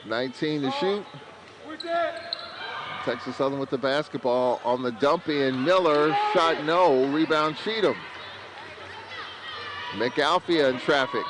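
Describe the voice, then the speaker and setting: A man calling college basketball play-by-play, bursting into excited calls on big plays. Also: medium pitch, unhurried. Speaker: play-by-play announcer. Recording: crowd and arena noise behind.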